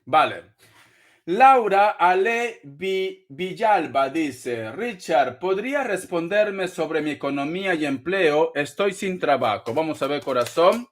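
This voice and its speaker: A man with a high, light voice hosts a live tarot reading. He teases his viewers, calls them darling, and breaks into frequent laughter. His delivery is dramatic and chatty. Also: animated, takes it slowly. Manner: laughs often between phrases. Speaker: tarot reader.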